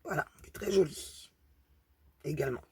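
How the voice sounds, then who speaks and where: With a low, darkish voice at a moderate pace, a craft vlogger walks through her haul in casual show-and-tell, and a little hiss or hum can be heard. Her strong regional accent comes through as she speaks hesitantly, full of fillers.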